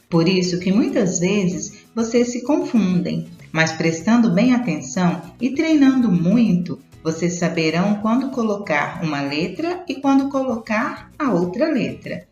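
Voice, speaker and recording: A woman teaching young children, stretching out syllables in a sing-song way. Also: mid-range voice. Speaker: primary school teacher. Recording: roomy, dull sound with soft music.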